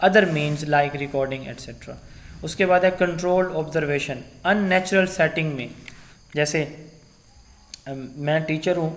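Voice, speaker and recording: A man delivers a recorded lecture. His voice sits a little high, and he keeps asking questions and working through everyday school examples. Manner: explains with classroom examples and quiz questions.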